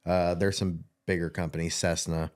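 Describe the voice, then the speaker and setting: This man's voice sits low, with a flat delivery at a moderate pace. Hosting a trades podcast from Kansas, USA, he keeps the interview conversation casual and rambling, sprinkled with jokes on the side.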